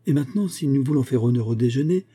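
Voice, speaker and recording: A man's voice: mid-range voice, lively intonation, quick pace, dark tone, husky, pitched above the performer's own voice. A man voicing a jovial young male officer in a novel, hearty and teasing as he talks. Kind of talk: audiobook character reading.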